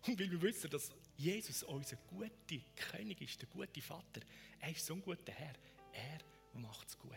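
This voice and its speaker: A man preaching a sermon, moving between fervent raised appeals and hushed whispered prayers. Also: on the high side, animated, normal speed, vocal fry, music in the background. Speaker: pastor.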